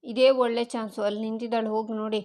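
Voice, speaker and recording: A woman's voice: fairly high pitch, flat delivery, fast talker, a little mellow, lightly acted. Woman reading as a mischievous young woman. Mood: playful. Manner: teasing.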